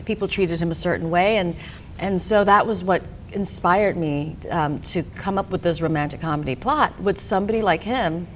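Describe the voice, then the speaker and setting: Here a guest, a film director and actress from Hong Kong, responds to interview questions at normal speed. Her voice sits on the low side, there's a little hiss or hum, and her talk is chatty and peppered with "you know" and "um."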